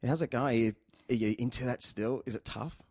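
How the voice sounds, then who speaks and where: A man's voice: mid-range voice, brisk, a little mellow, dry recording, clean studio sound. Australian man hosting a loose, joking chat. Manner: joking, teasing, rambling. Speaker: show host. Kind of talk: casual chat interview.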